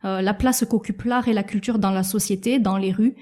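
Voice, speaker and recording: Mellow-voiced woman, calm podcast co-host. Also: mid-range voice. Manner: measured, explanatory, with soft hesitations. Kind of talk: casual podcast chat.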